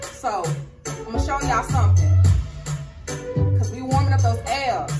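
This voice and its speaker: A young American woman leads a workout as an aerobics instructor. Her voice is high and unhurried, stretching out energetic commands and counts. She is recorded from a distance in a roomy hall, with loud music playing. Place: large indoor hall with hard floor. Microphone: far camera. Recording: echoey room, distant mic, loud music.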